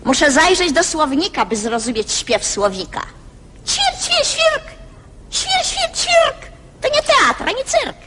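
A woman's voice: extremely high pitch, very animated, slow, fairly bright tone, a little hiss or hum, pitched above the performer's own voice, exaggerated voice. A woman voicing a grumpy sparrow that scolds and chirps, in an archival radio recording with hall reverb. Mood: chirping.

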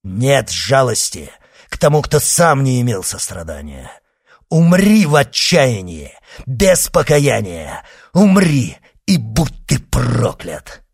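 A man reading aloud voices a vengeful son disguised as a monk, harsh and commanding, in a husky voice. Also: fairly low pitch, lively intonation, measured pace, darkish tone, no echo, clean studio sound. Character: vengeful false monk, grown son, merciless.

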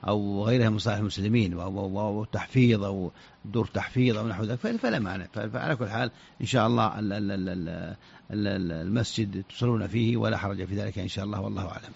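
A man giving unscripted answers to religious questions on radio, halting with many stammered restarts. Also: fairly low pitch, vocal fry, breathy edge, highs cut off.

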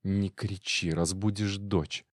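A man with a low voice reading the lines of a cool, defiant actress wife in an audiobook, in a calm, cold tone. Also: slow, no echo, clean studio sound. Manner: cold, calm, then sharp.

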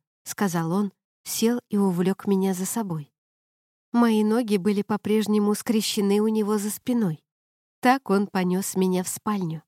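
A woman reading a first-person novel as an audiobook narrator, in a steady, even way. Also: medium pitch, dry recording, clean studio sound.

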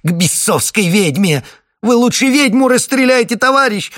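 A man's voice: animated, normal speed, fairly bright tone. A man putting on a wailing peasant woman. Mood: shrill pleading. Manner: shrill pleading wail. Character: wailing frantic peasant woman, middle-aged.

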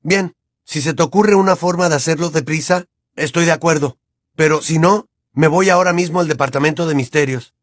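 A man's voice: fairly high pitch, fast, few pauses, dry recording, pitched above the performer's own voice, lightly acted. A man voicing a furious teenage boy wizard. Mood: angry, insistent. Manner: shouting, heated and defiant. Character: angry teenage boy wizard, stubborn and desperate.

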